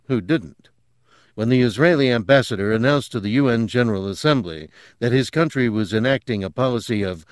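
Guy reading as a self-assured middle-aged professor, mocks his younger self, mid pitch, dry sound. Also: dry recording, lightly acted. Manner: self-mocking, confident retelling. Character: self-assured male Palestinian professor recalling his youth. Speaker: interviewee. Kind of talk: audiobook character reading.

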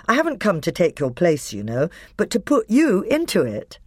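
A reader voicing a confident teenage boy who is high king, speaking with assurance. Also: wildly swooping pitch, moderate pace, slightly rough, dry recording, clean studio sound. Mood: assured.

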